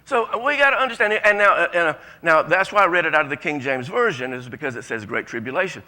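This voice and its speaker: A man's voice: a little high, animated, fast talker, pushed and bright. A man preaching a sermon to a congregation, emphatic and folksy, with frequent restarts. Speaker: pastor.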